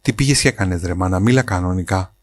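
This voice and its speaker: A man's voice: sits low, no room sound, close to an everyday voice. A man voicing an ambitious, hot-tempered adult son in a storybook reading, impatient and demanding. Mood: angry. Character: ambitious, greedy adult son, quick to anger.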